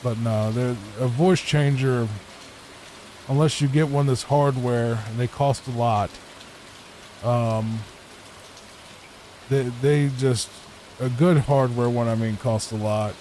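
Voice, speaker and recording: A man's voice: medium pitch, fairly even intonation, takes it slowly, pauses often, dark tone, slight background noise, poor audio. Laid-back Virginian man, sleepy gameplay chat. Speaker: gameplay channel host. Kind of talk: soft sleep-aid gameplay commentary. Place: home room, not a booth. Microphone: studio microphone with added EQ.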